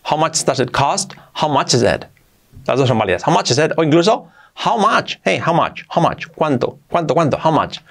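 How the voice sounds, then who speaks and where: Man, video English teacher, drills phrases slowly with animated pitch leaps, rushes the asides. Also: creaky. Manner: repeats phrases slowly, lively pitch jumps. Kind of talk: video lesson.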